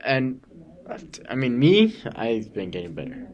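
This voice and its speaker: A man's voice: medium pitch, wildly swooping pitch, unhurried, a little mellow, dull audio. A man co-hosting a podcast as a real estate agent, talking bluntly and swearing casually. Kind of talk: casual chat.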